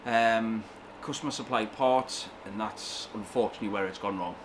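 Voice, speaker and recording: A man's voice: lowish voice, normal speed. A man working as an engine builder, giving a casual technical explanation in a workshop. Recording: clear background noise in workshop.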